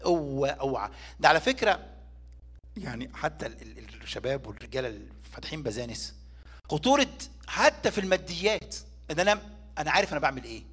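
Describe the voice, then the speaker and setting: A man with an Egyptian Arabic accent preaching a sermon in a rapid, rather high voice. He swings from emphatic, pointed questions to hushed whispers. His tone is bright and slightly husky. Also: big pitch swings.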